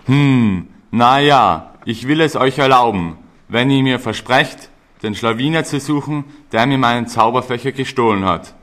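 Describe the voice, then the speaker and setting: A man's voice: mid-range voice, moderate pace, a bit bright, close to an everyday voice. A man playing a greedy, boastful long-nosed goblin in an amateur picture-card play. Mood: gruff. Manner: blustering, boastful. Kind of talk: amateur musical theatre reading.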